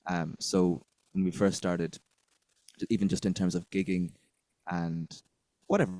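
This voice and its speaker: A man with a west of Ireland accent chatting casually in an interview as a band member, in a rambling, halting way. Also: deep voice, level tone, dark tone, no room sound. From Galway, west of Ireland.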